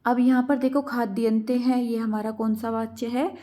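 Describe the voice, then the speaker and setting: A woman teacher explains exam answers in a patient, step-by-step way. She poses questions and then answers them herself. Her voice is slightly high but mellow and soft. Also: level tone, moderate pace. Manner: patient, asks and answers her own questions, calls students "beta".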